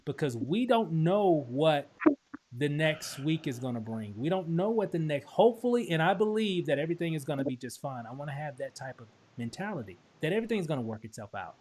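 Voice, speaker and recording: A man's voice: a little high, animated, a little fast, a little mellow, slight background noise. A man from Texas hosting a casual promotional chat over a video call, upbeat and full of restarts and fillers. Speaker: host.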